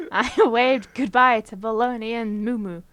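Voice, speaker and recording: Brief: let's play host reading a visual novel; young woman, bright-ish high voice, playful and chatty, dry recording. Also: slow, no echo. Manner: playful, giggly, chatty asides between narration.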